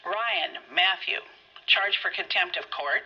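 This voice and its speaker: A woman's voice: fairly low pitch, slow pace, pushed and bright, slightly rough, full character voice. A woman playing an efficient young 1940s police telephone operator in a video game, businesslike, through a phone filter. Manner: businesslike, official. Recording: dull telephone line, faint noise.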